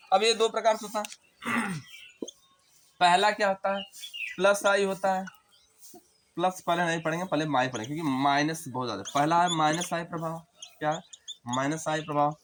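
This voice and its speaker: A man's voice: on the high side, fairly bright tone, a little hiss or hum. A man teaching chemistry to students. He explains step by step, keeps asking questions and then answers them himself. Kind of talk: classroom lecture.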